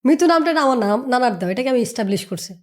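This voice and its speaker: Fast, emphatic woman mentor. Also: high voice, expressive. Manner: emphatic, repetitive lecturing with rhetorical questions. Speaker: business mentor. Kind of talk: motivational podcast talk.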